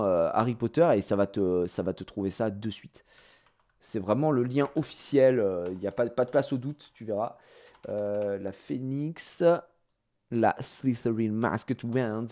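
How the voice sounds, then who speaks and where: A man streaming live, chatting casually with his viewers, swinging from loud exclamations to mumbled asides and swearing now and then. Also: mid-range voice. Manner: swears casually while fiddling with the computer.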